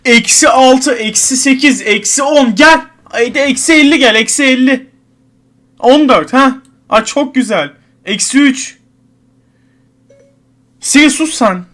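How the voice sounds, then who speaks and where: A man's voice: extremely high pitch, a little slow, a bit bright. A man giving gameplay commentary at his computer, counting numbers under his breath and grumbling in frustration at an item. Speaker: online game streamer.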